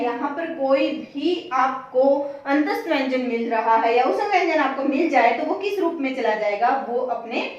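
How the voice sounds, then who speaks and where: A woman with a high voice teaches a grammar lesson in classroom style, asking her students questions, answering them herself, and repeating key words. She sounds distant in a very echoey room, with the highs cut off.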